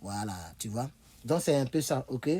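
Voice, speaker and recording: A man's voice: mid-range voice, normal speed, mellow, breathy edge. Tired, chatty French-speaking man teacher. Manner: chatty, repetitive, demonstrates phrases. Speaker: English teacher. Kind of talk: casual online language lesson. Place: indoors, on his bed.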